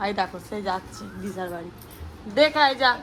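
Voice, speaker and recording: A woman's voice: medium pitch, animated, a little fast, a bit bright, soft background music. A young woman and mother chatting casually to her viewers, laughing often as she shows her family. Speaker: vlogger and mother. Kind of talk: casual vlog narration to viewers. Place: home and a relative's house, indoors.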